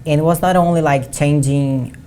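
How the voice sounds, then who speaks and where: Low-voiced young woman. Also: steady tone, moderate pace, mellow, a little hiss or hum. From Brazil. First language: Portuguese. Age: 20s. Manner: earnest, often says "like". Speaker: guest athlete. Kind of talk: conversational interview. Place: studio.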